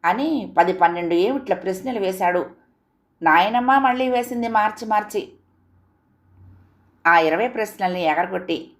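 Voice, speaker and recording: A woman narrating a short story in a lively, expressive reading voice. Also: mid-range voice, moderate pace, long pauses.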